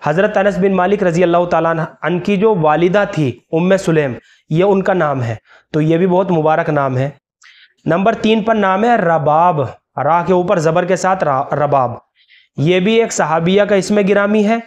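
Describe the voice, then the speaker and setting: A man teaching as a religious scholar, slowly spelling out names letter by letter in a careful instructional talk. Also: sits high. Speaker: Islamic scholar.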